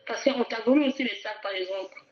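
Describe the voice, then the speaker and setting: Speaking quickly and with fervour, a woman with a rather high voice preaches a sermon, returning to her phrases again and again and prompting the congregation to say them back. The audio is muffled and lo-fi.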